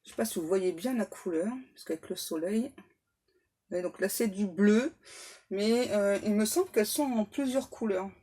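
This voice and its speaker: This tarot card reader has a medium-pitched, warm, slightly rough voice and talks at a moderate pace. Reading casually to camera, she jokes and chats, stops to banter with her spirit guides, and pokes fun at herself with laughter.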